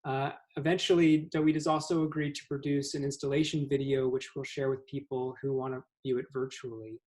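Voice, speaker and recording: A man's voice: medium pitch, little pitch movement, fairly quick, darkish tone. A man hosting a museum artist talk, introducing and interviewing the guest with thoughtful questions. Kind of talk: hosted conversation.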